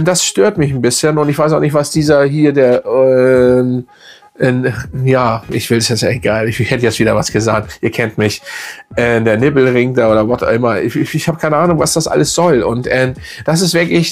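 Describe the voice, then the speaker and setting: A man chats through his fragrance reviews in a blunt, colloquial vlog style. He rambles, restarts and fills gaps with hesitations, at an ordinary middle pitch. Faint music plays quietly behind him. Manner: rambling, many fillers and restarts.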